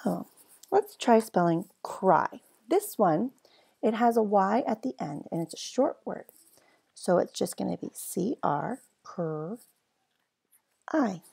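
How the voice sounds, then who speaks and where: Woman teacher sounding out phonics slowly. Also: medium pitch, sing-song, vocal fry, darkish tone, husky. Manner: slow, exaggerated sounding-out of letters and words; cheerful, encouraging teacher talk. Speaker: first-grade teacher. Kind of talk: phonics lesson for young children.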